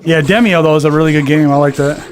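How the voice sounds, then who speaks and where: This streamer talks fast in a slightly high voice with fairly even intonation, reading viewer comments aloud and replying as he games. He's breathless from walking on a VR treadmill at home, and there's slight background noise.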